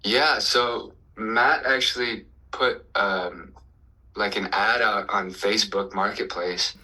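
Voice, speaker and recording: A man of twenty from Colorado, a band's singer, answering interview questions in a relaxed, hesitant way. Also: on the low side, slow pace, rough recording. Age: 20s. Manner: relaxed, hesitant with fillers and restarts. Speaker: band singer and bassist.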